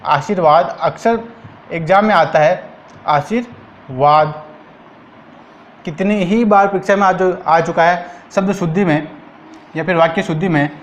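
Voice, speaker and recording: Rajasthani guy teaching hindi grammar, highish voice, says every word twice and keeps asking the class. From India. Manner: repeats each word slowly and asks the class questions. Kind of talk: exam-prep grammar lesson.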